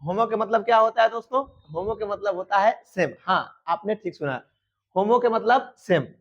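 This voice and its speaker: A man's voice: high-pitched, moderate pace. A man teaching an exam-prep grammar lesson, repeatedly asking his students questions and answering them himself. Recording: dull lo-fi sound.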